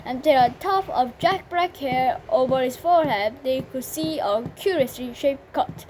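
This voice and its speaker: High-voiced woman reading aloud. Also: animated, a little mellow, a little hiss or hum. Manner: careful, halting reading with frequent restarts. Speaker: channel host reading aloud. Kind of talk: reading an English children's book aloud.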